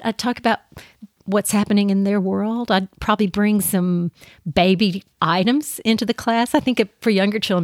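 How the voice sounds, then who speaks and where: A woman co-hosting a podcast, talking gently and enthusiastically about teaching children, with frequent restarts. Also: fairly low pitch, dry recording, studio quality. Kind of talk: casual podcast conversation.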